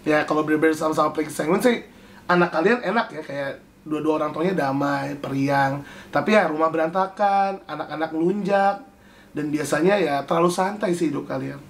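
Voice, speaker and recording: A young man with a high voice hosts a casual chat and answers viewer questions. His pitch leaps up whenever he reads a question aloud. His delivery stays animated and loose. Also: fairly quick, a little hiss or hum.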